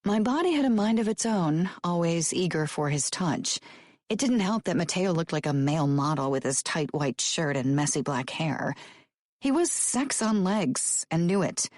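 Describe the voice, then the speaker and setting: An audiobook narrator with a low voice reads a first-person romance in a sing-song, slightly mellow way at a normal speed. The recording is clean studio sound with no room echo.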